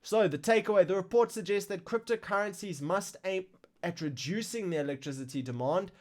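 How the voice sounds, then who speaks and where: A man hosting a live crypto news stream, reading market figures in a casual, excitable way while fighting the hiccups. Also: high-pitched, a little fast. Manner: excitable, exclaims over numbers.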